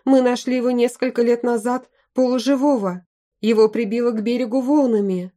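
Woman voicing a young pregnant wife, chatty, protective, high, mellow audiobook voice. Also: fairly even intonation, close to an everyday voice. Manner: rapid nonstop chatter.

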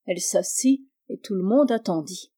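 Woman reading an old novel aloud, even steady storytelling, mellow darkish voice. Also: medium pitch, moderate pace, breathy edge. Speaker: audiobook reader. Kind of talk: scripted narration.

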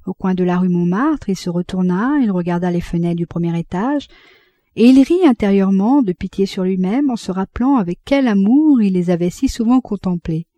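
A woman narrating a literary audiobook in a measured, expressive reading. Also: medium pitch, no echo. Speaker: audiobook reader.

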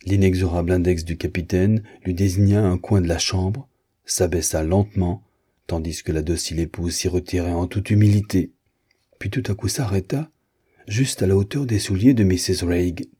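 Deep, dark-voiced male narrator. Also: fairly even intonation, normal speed, breathy edge. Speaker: audiobook narrator. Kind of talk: scripted narration.

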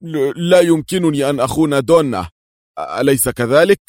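A man voices a frightened, nervous male lawyer who stammers and pleads frantically in panic. Pitched above his own voice yet close to everyday speech, his medium-pitched delivery is expressive at normal speed. The studio sound is clean, with no echo.

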